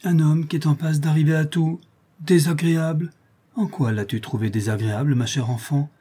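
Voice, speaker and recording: A man's voice: a little high, fairly even intonation, normal speed, mellow, breathy edge, voice pushed up. A man reading aloud and voicing a proud, earnest elderly uncle who insists on his point. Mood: insistent.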